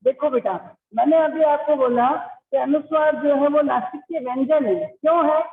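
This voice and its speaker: A female Hindi teacher with a high-pitched voice speaks at a moderate pace in an online class, patiently explaining, quizzing her pupils and calling them "beta." The audio is echoey and phone-like.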